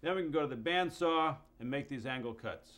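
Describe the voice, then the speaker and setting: A man's voice: medium pitch, a little fast, background noise. A middle-aged man hosting a woodworking show, explaining each step methodically with mild enthusiasm in his workshop on a lapel mic. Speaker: host and woodworker. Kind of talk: instructional woodworking demonstration. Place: indoor wood workshop.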